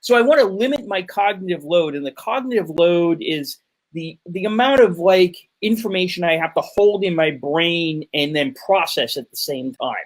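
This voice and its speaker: A man who teaches physics, chatting in a loose explanatory way. His voice sits a little high, and he often restarts mid-sentence. He talks over a call. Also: moderate pace. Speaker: physics lecturer guest. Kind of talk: casual explanatory chat.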